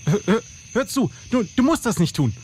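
Man playing a stammering, breathless, high-voiced panicky soldier. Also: sing-song, normal speed, a little mellow, slight background noise. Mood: flustered panic. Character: flustered, devout young-sounding soldier, bumbling and easily frightened. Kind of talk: dramatic audio play.

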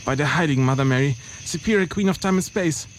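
An actor playing a flustered, devout soldier in an audio drama, stammering and breathless with fright. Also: male voice, on the high side, fast, a little hiss or hum, lightly acted. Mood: flustered panic. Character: flustered, devout young-sounding soldier, bumbling and easily frightened.

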